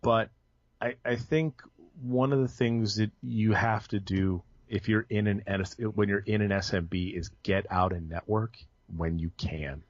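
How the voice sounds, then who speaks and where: A young man speaks a little slowly in a low-leaning, steady voice as a podcast guest, rambling casually about his IT work with many ums, restarts and corrections of himself. The conversational interview has dull, dry, lo-fi audio and no echo.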